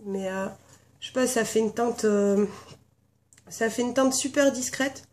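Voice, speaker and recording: Hoarse, blunt woman vlogging. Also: on the high side, unhurried, a little mellow. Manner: blunt and frank, rambling with many fillers. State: hoarse from a sore throat. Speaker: vlogger, founder of a paranormal blog team. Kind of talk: casual chat answering a tag. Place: at home with her cat nearby.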